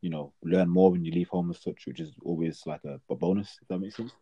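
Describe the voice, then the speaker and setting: A man's voice: low-pitched, fast talker, mellow, breathy edge, no room sound, muffled recording. A man chatting casually as a host, in a slang-heavy, laddish London roadman accent, affirming what his friend says. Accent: British urban slang accent, London roadman style. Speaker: podcast host interviewing a friend. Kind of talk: casual chat.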